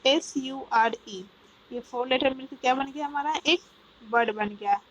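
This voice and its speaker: A woman's voice: sits high, a little slow, a bit bright, highs cut off. A woman teaching a grammar lesson, explaining step by step and often checking with "okay, got it?". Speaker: English teacher.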